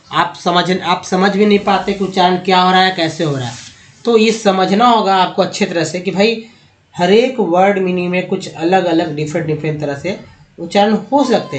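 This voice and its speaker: A man giving a slide-based reading lesson, spelling words letter by letter, then sounding them out slowly and talking to viewers as friends. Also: high voice. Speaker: English teacher.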